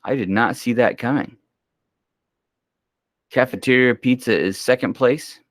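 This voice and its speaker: A man's voice: mid-range voice, measured pace, no echo, clean studio sound. A man hosting casual school homeroom news, chatty and joking, sleepy and yawning as he reads announcements.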